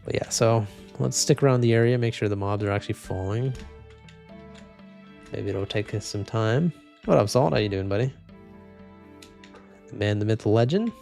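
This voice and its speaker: Faint game music and keyboard clicks fill the background as a young man chats with his stream viewers and reads their messages. He talks at normal speed with vocal fry and frequent pauses, his slightly congested voice flat and low-energy, which he calls boring.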